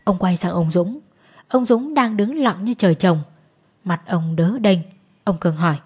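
A woman storyteller narrating a ghost story in a steady, measured way. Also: lowish voice, husky.

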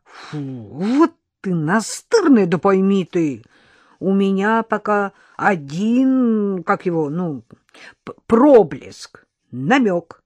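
A reader voicing a stubborn, secretive young maid who snaps and teases in drawn-out, raised phrases, in an audiobook. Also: mid-range voice, big pitch swings, a little mellow, no room sound. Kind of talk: audiobook character voice.

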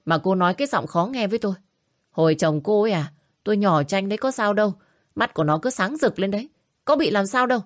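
A woman's voice: medium pitch, lively intonation, quick pace, dry recording, clean studio sound, pitched above the performer's own voice, natural voice. A woman voicing a stubborn, self-righteous older mother-in-law in a spoken story. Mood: indignant. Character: stubborn old mother-in-law, set in her ways.

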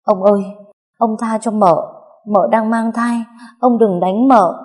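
A woman's voice: steady tone, takes it slowly, a little mellow. Woman doing a crying young maid. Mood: pleading. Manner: high pleading.

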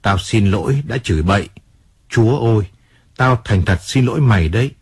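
A man's voice: lowish voice, lively intonation, normal speed, slightly rough, dry recording. A man reading a bitter, remorseful fading singer. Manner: remorseful, self-pitying outbursts. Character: Johnny, 35-year-old fading male singer, drunk, bitter. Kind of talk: audiobook character reading.

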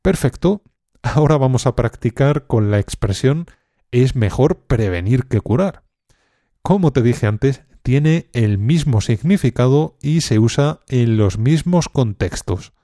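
A man teaching a language lesson, speaking calmly and deliberately with some hesitant fillers. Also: mid-range voice, no echo, studio quality. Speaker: Spanish teacher. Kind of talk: slow, clear language lesson.

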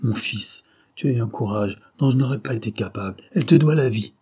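A man's voice: mid-range voice, a little fast, mellow, slightly rough. A man voicing a composed, authoritative doctor. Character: calm authoritative older male doctor.

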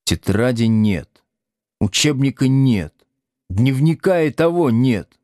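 Мужчина изображает дерзкого молодого учителя географии. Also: male voice, fairly high pitch, big pitch swings, unhurried, no echo, studio quality, pitched above the performer's own voice. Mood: contemptuous. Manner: sharp, scolding, commanding. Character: stubborn young male geography teacher, cocky. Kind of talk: audiobook reading.

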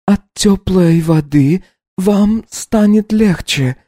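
A man voicing a serious, caring middle-aged housekeeper in a hushed, raised voice, audiobook style. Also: sits high, slow, dry recording, studio quality, pitched above the performer's own voice. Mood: grave.

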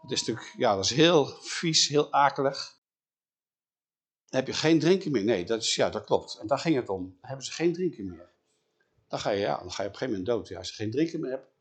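A man retelling a Bible story in an animated way, often checking in with his listeners. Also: mid-range voice, a little fast, breathy edge.

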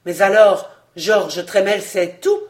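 A reader voicing a furious, scheming male nobleman in an audiobook, shouting and cursing. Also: medium pitch, slow, lightly acted. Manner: shouting, blasphemous outbursts. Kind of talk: audiobook character reading.

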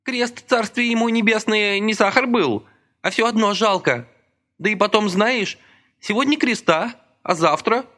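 A man's voice: high voice, unhurried, sharp tone, voice pushed up. A man voicing a brash, mocking working woman. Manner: brash, sardonic, blunt.

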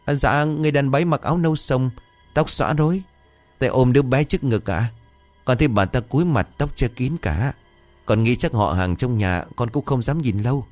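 A man's voice: mid-range voice, a little fast, a little mellow, no room sound, faint music behind, voice pushed up, lightly acted. A man voicing a timid young male servant who stammers politely and sounds frightened. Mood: nervous.

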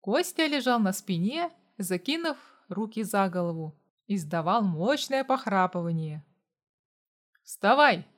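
A woman reading a first-person audiobook story aloud in a dramatic, even-paced storytelling manner. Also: mid-range voice, moderate pace. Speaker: audiobook reader.

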